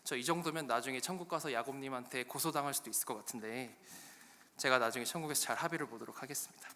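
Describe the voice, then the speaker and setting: A man preaching a humorous sermon to his congregation in a church sanctuary, lively and playful. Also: mid-range voice, fast talker. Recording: long echo of a church hall.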